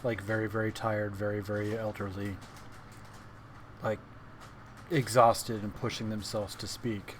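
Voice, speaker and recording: A man with a fairly low voice runs a tabletop game as game master. He narrates scenes casually, with a little noise in the recording. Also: level tone, a little slow, pauses often.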